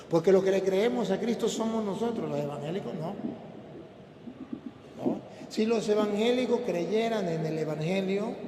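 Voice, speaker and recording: Priest preaching in an echoey hall. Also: male voice, high-pitched. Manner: emphatic, rhetorical questions put to the crowd. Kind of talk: preaching to a live audience. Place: large hall before an audience. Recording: echoey hall with loud background noise.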